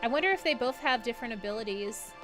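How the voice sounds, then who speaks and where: A woman's voice: a little high, lively intonation, quick pace. A woman streaming a game live, chatting bubbly and giggly, reading out viewer comments and humming along. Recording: game music playing behind.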